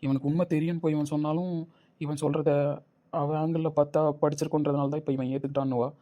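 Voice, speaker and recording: A man's voice: fairly high pitch, level tone, fast talker, muffled recording, lightly acted. A man voicing a young male friend who questions and reassures his friend. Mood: pondering.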